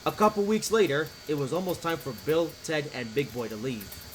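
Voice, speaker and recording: A man's voice: on the high side, sing-song, fairly quick, low-quality recording. A man reading scripted storybook narration for a cartoon, recorded with faint background noise. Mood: narrating.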